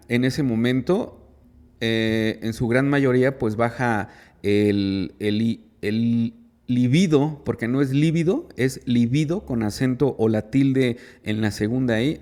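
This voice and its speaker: A man gives an informal talk as a psychologist, at a mid-range pitch. He keeps restarting phrases and stressing his point with rising rhetorical questions, checking in with his listeners as he goes. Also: a little mellow. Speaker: psychologist giving a radio talk. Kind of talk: informal lecture to a recovery group.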